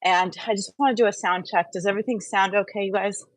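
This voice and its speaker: She talks fast in a steady, mid-range tone, a wellness channel host warming up on her home treadmill and chatting directly with livestream viewers through earbuds. The recording is dry and rough.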